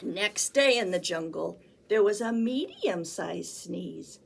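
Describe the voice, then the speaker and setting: This storytime librarian has a fairly low, creaky, husky voice with lively intonation, and she reads a children's picture book slowly. She performs it theatrically in a sing-song way, acting out animal sounds and sneezes along the way.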